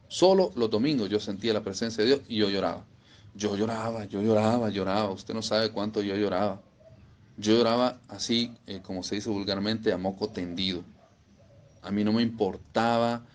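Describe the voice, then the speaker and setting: A man preaching a sermon, emphatic and repeating phrases for stress. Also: lowish voice.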